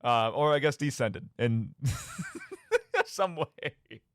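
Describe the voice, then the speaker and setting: A young man hosts a casual radio show from a studio, speaking into a studio microphone. His slightly high voice swoops wildly in pitch and moves very slowly, and he rambles in a playful, mock-dramatic, tongue-in-cheek way.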